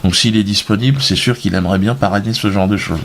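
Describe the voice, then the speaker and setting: Deep-ish voiced guy doing deadpan comedy rambling to camera, halting, bit of noise behind. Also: gravelly. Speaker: comedian presenting his own video. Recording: steady background noise, clicks.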